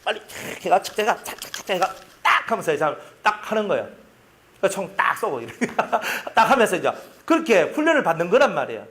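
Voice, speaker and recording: A male pastor with a Gyeongsang Korean accent preaching a sermon, telling stories in an animated way and using lots of sound effects. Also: high voice, fast talker.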